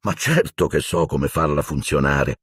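Man voicing Lupin, calm and measured. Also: low voice, breathy edge, no echo, clean studio sound, exaggerated voice. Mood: explaining. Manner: measured, explaining, mildly impatient. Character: calm, patient middle-aged male wizard teacher.

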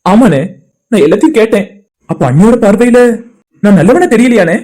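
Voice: mid-range voice, expressive, brisk, mellow, lightly acted. A performer voicing a heartbroken young man in a cartoon drama. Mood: hurt. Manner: pleading, tearful, apologetic. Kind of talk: animated cartoon drama voice acting.

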